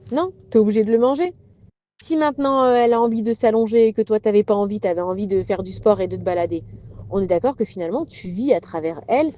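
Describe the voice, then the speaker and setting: A woman's voice: medium pitch, mellow, slight background noise, natural voice. A woman voicing a patient, persuasive guiding voice who coaxes a baby with reasoning questions.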